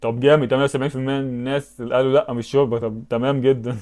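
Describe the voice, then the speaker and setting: A man's voice: medium pitch, flat delivery, racing, a little mellow. A man with an Egyptian Arabic accent giving casual commentary while playing web games, thinking aloud and breaking into sudden exclamations. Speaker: YouTuber.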